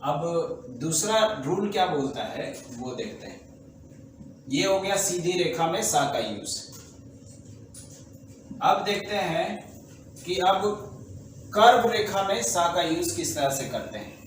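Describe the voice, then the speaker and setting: A man teaching a shorthand class in Hindi, explaining rules slowly and checking whether the students have understood. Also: on the high side, very animated. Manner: slow, repetitive explaining, asks the class checking questions. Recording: echoey room, voice from far off, faint background noise.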